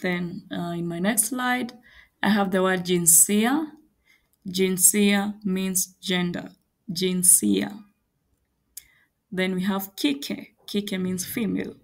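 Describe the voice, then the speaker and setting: A woman leads a vocabulary lesson at an unhurried pace, repeating each word with care. Her voice carries a gravelly, creaky edge. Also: on the low side, steady tone. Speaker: Swahili teacher. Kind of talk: slow language lesson.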